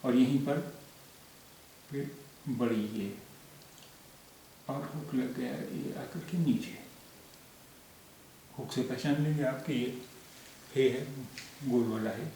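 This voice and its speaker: A man's voice: mid-range voice, slow, pauses often, dark tone, slight background noise. Man, language teacher, patient, repeats examples, very echoey room, distant mic. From India. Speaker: Urdu teacher. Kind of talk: spoken language lesson.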